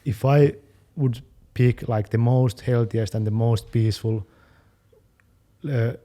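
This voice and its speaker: A young man chatting casually as a fitness channel co-host, talking quickly and loosely, with many fillers. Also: mid-range voice, steady tone, warm tone. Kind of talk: casual chat.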